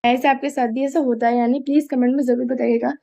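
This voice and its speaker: A woman's voice: sits high, flat delivery, fast, vocal fry, dark tone. A young woman chatting casually in a home vlog, rambling and apologetic, with a sore throat. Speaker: vlogger. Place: family home, indoors.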